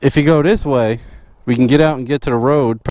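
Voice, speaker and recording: A man's voice: medium pitch, a little fast, noisy background. A man vlogging on a motorbike ride outdoors, talking in a blunt, teasing way with lots of swearing, recorded on a helmet camera. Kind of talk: casual outdoor chat. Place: outdoors in woods and open lots.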